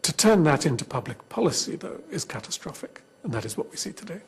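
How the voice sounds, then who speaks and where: A man giving measured interview commentary, arguing point by point. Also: on the high side, big pitch swings, creaky, slightly rough.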